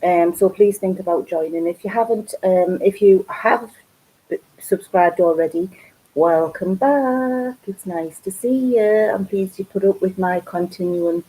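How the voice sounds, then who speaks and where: A woman's voice: on the low side, moderate pace, mellow, husky, low-quality recording. A woman with a Geordie accent hosting a casual live craft stream from home, chatting and rambling with lots of ums. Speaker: craft channel host.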